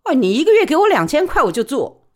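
A woman storyteller voicing a determined, spirited working-class woman who talks fast in a Wuhan dialect. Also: high voice, wildly swooping pitch, pitched above the performer's own voice. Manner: quick, bright, stubborn.

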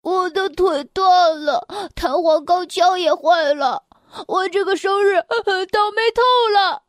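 A woman's voice: extremely high pitch, slow, no echo, clean studio sound, voice pushed up. A woman doing sulky little birthday boy Douglas. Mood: upset. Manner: whiny, upset, hesitant.

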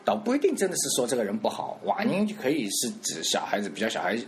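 Laughing male dialect teacher, lively pitch. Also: quick pace, slight background noise. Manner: laughs often, coaches pronunciation. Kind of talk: casual radio lesson chat.

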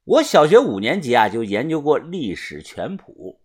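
A woman narrating a first-person novel as an animated storyteller. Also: very deep voice, normal speed, husky. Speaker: audiobook narrator.

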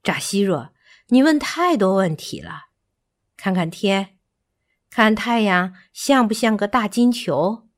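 A gentle giraffe dreams aloud about the far mountains in a storybook, speaking calmly and slowly, as a woman reading the tale voices him. His voice stays close to the reader's own, with a wide, singing melody. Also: mid-range voice. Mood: dreamy.

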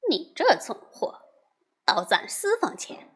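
Lady doing a cheeky monkey king, teasing, kinda breathy voice. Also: high-pitched, huge pitch swings, a bit bright, heavily acted. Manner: teasing, brisk. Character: cocky mischievous male monkey king.

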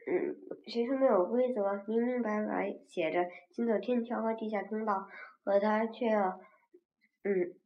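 A woman reading a story aloud in a measured recitation, with pauses and occasional fillers. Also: mid-range voice. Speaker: reader. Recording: roomy, dull lo-fi recording.

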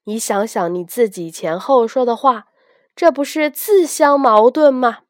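A woman voicing a calm, sensible older boy in a children's storybook reading, reasoning gently. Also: fairly high pitch, unhurried, no echo, studio quality, close to an everyday voice.

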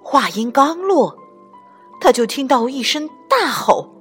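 A mother reading a picture book aloud to children, in an expressive storytelling manner. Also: high-pitched, takes it slowly, slightly rough. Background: soft music.

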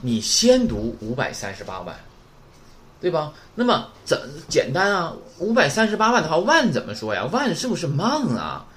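A man's voice: fairly high pitch, huge pitch swings, normal speed, a bit bright. A man teaching beginners Japanese numbers in a recorded lesson, drilling each word and constantly checking in with "right?".

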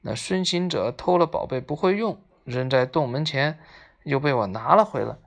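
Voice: mid-range voice, lively intonation, normal speed, natural voice. A storyteller voicing a boastful, fierce male demon king who mocks and threatens, in a children's storybook reading. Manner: mocking, threatening.

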